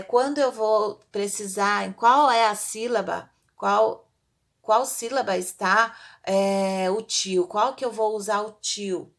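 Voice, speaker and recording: Teacher lady going through a lesson real slow, kinda creaky voice, drags out example words. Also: mid-range voice, a bit bright. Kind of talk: recorded class lesson.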